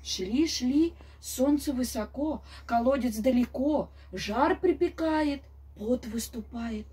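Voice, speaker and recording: A middle-aged woman reading a fairy tale aloud to children like a grandma, in an expressive, deliberate, sing-song manner. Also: high voice, husky. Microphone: camera a few steps away. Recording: distant phone or camera mic.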